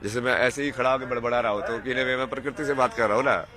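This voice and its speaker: A man's voice: mid-range voice, fairly even intonation, fast. A man talking in a rambling, musing way during an interview, dropping English words into his speech. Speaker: interviewee, spiritual seeker. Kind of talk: rambling casual conversation. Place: outdoors at a crowded religious gathering. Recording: loud crowd noise behind. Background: crowd chatter.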